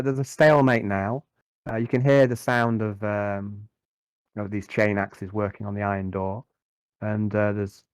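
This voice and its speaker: A man narrating a tabletop game as game master, improvising in a conversational, halting way and often repeating words. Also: lowish voice, dry recording, poor audio.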